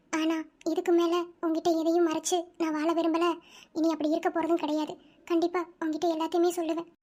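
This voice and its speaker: Acted by a woman, an earnest young cartoon woman speaks in a very high, monotone voice. She is pleading and heartfelt, in speech.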